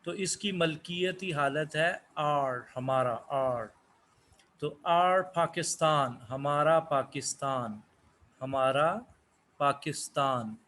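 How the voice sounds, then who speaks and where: A man whose first language is Urdu, giving a slow English lesson, asking questions and answering them himself. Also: mid-range voice, fairly bright tone, slight background noise. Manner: asks questions then answers them, repeats words. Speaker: English teacher.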